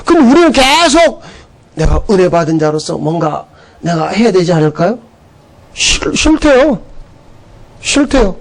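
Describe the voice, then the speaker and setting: A man's voice: high-pitched, animated, normal speed, low-quality recording. A man pastor preaching a sermon, emphatic and full of rhetorical questions, telling stories to make his point.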